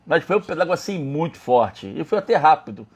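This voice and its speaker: Pastor, man, animated storyteller, stammering restarts, fairly high voice, husky. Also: fairly quick. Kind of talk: sermon testimony.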